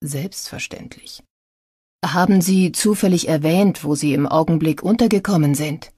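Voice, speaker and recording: A woman reading an audiobook, voicing a scheming man who poses as a polite reporter with an oily, drawn-out manner. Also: deep voice, mellow, slightly rough, no room sound, clean studio sound.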